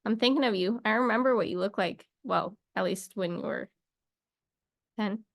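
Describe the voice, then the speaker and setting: A woman's voice: mid-range voice, normal speed, gravelly, no room sound, clean studio sound. A young woman teaching a casual English lesson to camera, chatty and playful, wandering off into little asides.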